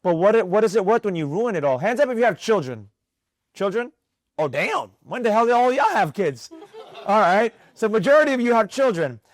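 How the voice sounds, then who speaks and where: High voiced guy teaching a trading class, keeps asking the room stuff, dry sound. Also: fairly quick, dry recording. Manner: animated, questioning the room. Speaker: trading instructor.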